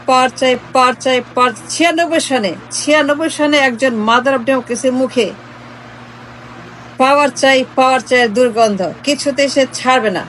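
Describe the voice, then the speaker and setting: A woman's voice: high voice, a bit bright, a little hiss or hum, low-quality recording. A woman from Bangladesh giving an impassioned, sarcastic political monologue, repeating and chanting her phrases. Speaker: political commentator.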